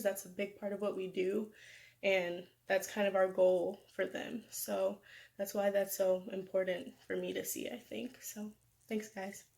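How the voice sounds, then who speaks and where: A young woman with an American accent speaks as a student orientation leader. Her pitch is average and stays fairly level as she introduces herself to new students. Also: vocal fry, a little mellow. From Florida, United States. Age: early 20s.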